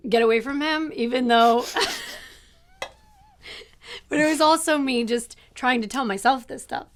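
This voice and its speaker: A woman in her forties, co-host of a couple's channel, telling a rambling, animated story in casual chat. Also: high-pitched, unhurried. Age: 40s.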